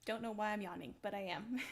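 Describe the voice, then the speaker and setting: A young woman casually talking through her building in a video game, rambling slowly with lots of ums and little laughs. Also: mid-range voice, vocal fry. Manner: slow, rambling, giggly, full of ums. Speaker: streamer building in a survival game. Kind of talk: casual gameplay commentary.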